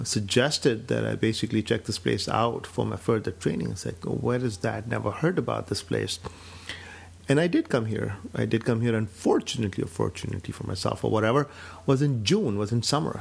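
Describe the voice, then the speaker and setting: Gravelly-voiced man from Pakistan. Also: fairly low pitch. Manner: measured, steady, with frequent fillers. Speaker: physician and clinic director. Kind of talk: personal account to camera.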